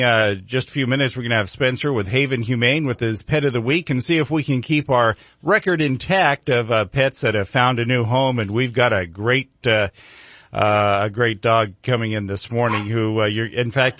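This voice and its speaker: A man's voice: mid-range voice, fairly bright tone, dry recording. An American man hosting local morning radio in a folksy, rambling, unscripted way. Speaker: local radio show host.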